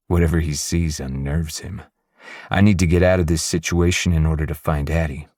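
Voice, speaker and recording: A man narrating a first-person audiobook with low, restrained menace. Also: a little mellow, husky, no room sound, studio quality.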